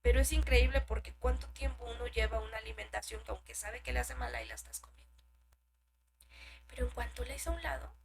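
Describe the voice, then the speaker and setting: A woman preacher delivers a sermon in a somewhat high, gravelly voice. She asks rhetorical questions and swings from loud emphasis down to hushed whispers. A faint hum sits behind her. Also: expressive, a little fast.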